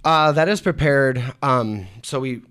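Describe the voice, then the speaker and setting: A man's voice: medium pitch, a little slow, fairly bright tone, a little hiss or hum. A man visiting a radio studio as a restaurant owner, describing food in a plain, friendly, slightly hesitant way. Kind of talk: casual chat.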